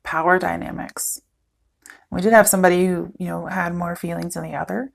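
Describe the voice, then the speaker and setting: A woman's voice: on the low side, steady tone, a little fast. A woman giving a casual, chatty tarot reading to her viewers, thinking aloud as she goes, her voice cracking at times. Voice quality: voice cracking, throat clearing. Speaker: tarot reader.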